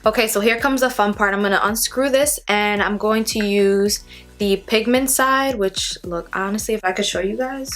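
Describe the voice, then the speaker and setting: A woman's voice: medium pitch, moderate pace, fairly bright tone. A woman chatting casually to her viewers as she gives a makeup tutorial in the style of a beauty vlogger. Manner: chatty, addresses viewers directly. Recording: music playing behind the voice. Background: background music.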